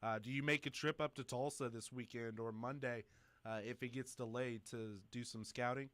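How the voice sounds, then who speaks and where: A man hosting a high school sports talk show, chatty and joking with fillers. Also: fairly even intonation, moderate pace, a bit bright, no room sound. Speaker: sports radio host.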